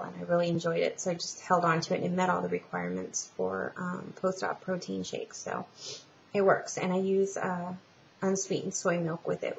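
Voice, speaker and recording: Low, creaky woman in a casual vlog. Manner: halting, rambling delivery with trailing pauses. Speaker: vlogger. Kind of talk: casual personal update vlog. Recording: muffled, lo-fi home recording with hiss.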